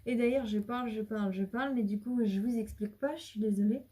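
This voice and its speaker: Speaking fast in a warm, fairly high voice, a card reader chats her way through a casual tarot reading to camera for her viewers. She rambles, restarts a lot, and sometimes sinks to a whisper, with a slight hiss or hum in the audio.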